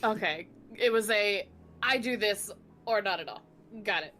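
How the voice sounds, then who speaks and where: A woman's voice: medium pitch, a little slow, pushed and bright. A woman chatting casually on a stream, giggling often as she reacts. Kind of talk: casual chat.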